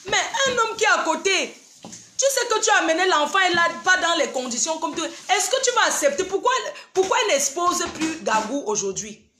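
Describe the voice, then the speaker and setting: A woman's voice: very high voice, animated, a little fast, pushed and bright, echoey room, a little hiss or hum. Fiery woman ranting on a livestream. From Cameroon. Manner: confrontational, scolding, addresses rivals directly. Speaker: livestream host. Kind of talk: heated livestream rant.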